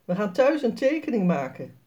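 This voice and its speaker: A woman voicing an eager, excited little boy in a children's story, bold and keen. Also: medium pitch, normal speed, lo-fi sound, lightly acted.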